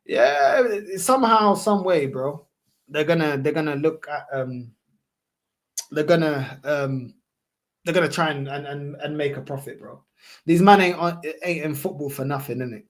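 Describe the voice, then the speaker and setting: London roadman guy with a highish voice. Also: normal speed. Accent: London roadman, multicultural London English. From London, England. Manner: slangy, repetitive, emphatic phrasing. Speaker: football fan livestream host. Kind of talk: casual livestream chat, answering viewer comments.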